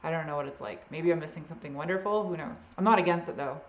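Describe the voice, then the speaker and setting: Talking fast in a low voice, a woman with a slight Boston accent fields viewer questions during a live Q&A. She's casual, rambling, and unsure, frequently trailing off, and the echoey room audio has its highs cut off.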